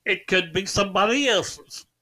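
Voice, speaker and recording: A man playing a dim-witted, earnest rural brother who talks in a slow, ungrammatical backwoods drawl. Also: sits high, sharp tone.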